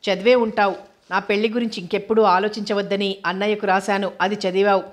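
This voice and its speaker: A woman narrator voicing a withdrawn, sharp-tongued young woman with curt, bitter retorts. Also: mid-range voice, flat delivery, a little fast, lightly acted. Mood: cold.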